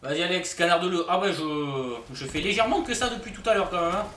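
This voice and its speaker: High-voiced man streaming a game. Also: animated, quick pace, fairly bright tone, echoey room, distant mic, slight background noise. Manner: joking, mock-outraged banter with chat. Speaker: streamer playing a shooter game. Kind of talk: casual live-stream commentary.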